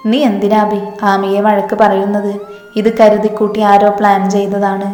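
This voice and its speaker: Woman doing an injured guy warning his friend, flat tone, echoey. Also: mid-range voice, moderate pace, faint music behind, natural voice. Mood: wary. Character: injured, wary young man.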